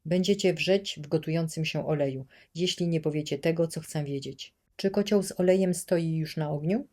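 A woman voicing a cruel, bullying male administrator who shouts threats at children, in an audiobook reading. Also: low-pitched, normal speed. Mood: menacing.

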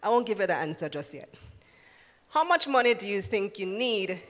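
A woman's voice: medium pitch, very animated, moderate pace. A woman giving a live talk to an audience as a finance journalist, engaging and asking the room questions. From Jamaica. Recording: reverberant hall.

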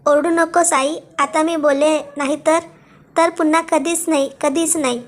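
A woman voicing a defiant young woman who confronts her absent father in a cold, sharp, cutting voice. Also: high-pitched, level tone, a little slow. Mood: icy, accusing.

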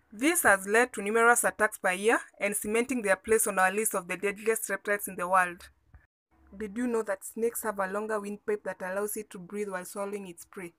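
A woman's voice: mid-range voice, a bit bright, no room sound. A woman reading scripted nature documentary narration as a video voice-over.

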